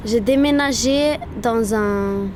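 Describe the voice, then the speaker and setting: Slow-speaking Romanian-born girl outdoors. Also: a little high. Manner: slow, hesitant. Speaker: interviewer. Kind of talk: telling her story. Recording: street noise.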